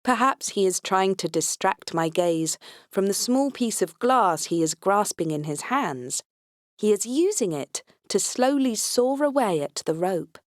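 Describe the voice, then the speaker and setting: An audiobook narrator reads a science fiction comedy in the first person, giving it a wry, tongue-in-cheek delivery. Her medium-pitched voice is expressive and a little slow, recorded dry with clean studio sound.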